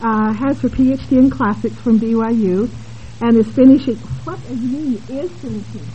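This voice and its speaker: A woman with a mellow voice on the high side moderates a conference panel, introducing the speakers haltingly with plenty of fillers and asides before an audience. The recording is dull, lo-fi conference tape with a faint hiss.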